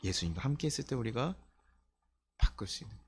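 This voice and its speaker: A man's voice: medium pitch, lively intonation, fast talker, breathy edge. A middle-aged man preaching a sermon in a church, talking in a conversational way, asking his listeners questions and acting out the voices of the people he quotes. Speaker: pastor. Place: church sanctuary.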